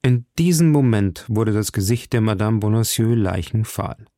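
A man narrating a classic novel in a measured, steady, deliberate way. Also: lowish voice, no room sound, studio quality. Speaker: audiobook narrator.

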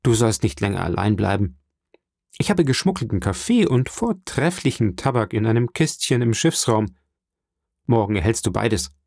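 A man reading an audiobook, voicing an earnest young sailor who talks excitedly to his father. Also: on the low side, moderate pace, creaky, dry recording, studio quality, full character voice. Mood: eager. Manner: excited, pleading, raised voice. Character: eager young male sailor, earnest and devoted. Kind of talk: audiobook character voice.

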